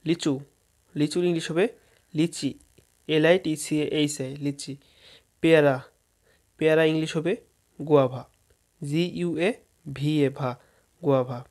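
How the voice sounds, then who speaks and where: A man's voice: a little high, steady tone, measured pace, long pauses, a little mellow. A man whose first language is Bengali, teaching English fruit names in a casual spoken lesson and spelling words out letter by letter to his viewers.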